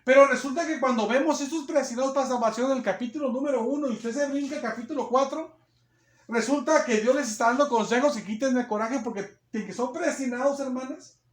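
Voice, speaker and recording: A man's voice: very high-pitched, fast. A man preaching a sermon, emphatic and repetitive, often checking in with his listeners, recorded on a phone in a church hall. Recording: echoey room on a phone.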